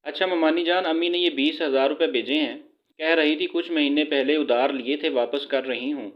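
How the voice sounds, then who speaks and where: An earnest young man pleads softly with the woman he loves, gentle and lovesick, as the storyteller reads him. The voice sits a little high for a man and comes through a dull, lo-fi recording. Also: fairly even intonation, lightly acted. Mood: pleading. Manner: soft, pleading.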